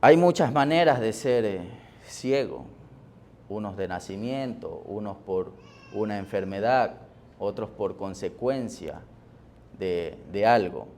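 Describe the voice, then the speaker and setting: A man preaching a sermon as pastor, deliberate, with pauses and fillers, rising in force on key words. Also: fairly low pitch, animated, a little mellow. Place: church.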